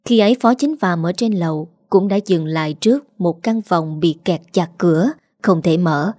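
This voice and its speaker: Brief: woman storyteller, steady narration, dark mellow voice. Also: lowish voice, moderate pace, dry recording, clean studio sound.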